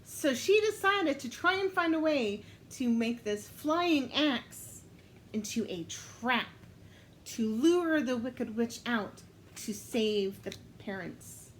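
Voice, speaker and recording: A woman telling a story aloud while playing a storytelling card game, unhurried and thinking aloud, often breaking into laughter. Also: on the high side, lively intonation, a little hiss or hum, rough recording. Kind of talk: casual storytelling game play.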